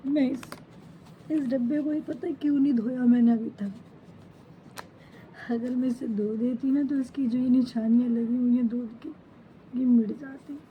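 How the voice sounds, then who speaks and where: A middle-aged mother mourns a pet in a personal account, her talk broken into short, halting phrases. Her voice sits a little high. The home recording sounds slightly dull, with a faint hiss underneath. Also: fairly even intonation. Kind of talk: emotional personal account to camera.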